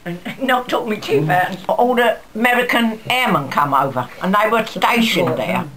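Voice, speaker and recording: A woman's voice: medium pitch, expressive, moderate pace. Very old lady in her late 90s telling rambly old stories, people chattering in the background. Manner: very old woman's chatty, rambling storytelling with acted-out dialogue. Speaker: interviewee recalling her wartime life. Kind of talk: casual spoken reminiscence. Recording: busy background chatter around the voice.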